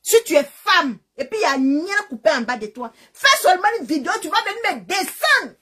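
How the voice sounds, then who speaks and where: A woman with a high voice speaks into her phone camera during a livestream. She rants angrily at a rival, taunting her and throwing insults in a confrontational tone. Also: big pitch swings, brisk, pushed and bright. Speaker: social media live streamer. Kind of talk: angry insult-filled rant to a phone. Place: living in Canada.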